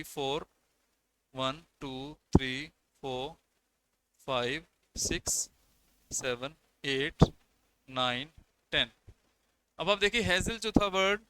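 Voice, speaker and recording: A man's voice: a little high, pushed and bright, clean tone, rough recording. A young man teaching an exam-prep class on poetry, explaining step by step and counting syllables aloud, with as his on terms. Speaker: English lecturer. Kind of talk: exam coaching lecture.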